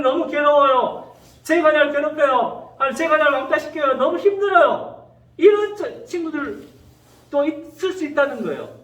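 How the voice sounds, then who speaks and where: A young adult man giving a lively, storytelling youth sermon as a pastor, acting out the voices in his stories. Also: very high voice. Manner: animated, acts out quoted voices. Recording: echoey church hall, from far off.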